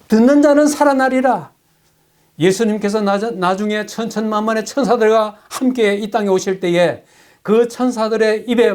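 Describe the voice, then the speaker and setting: A man preaching a sermon in a high voice. He asks the listeners questions and then answers them himself. He reads scripture aloud slowly. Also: a little mellow. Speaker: pastor.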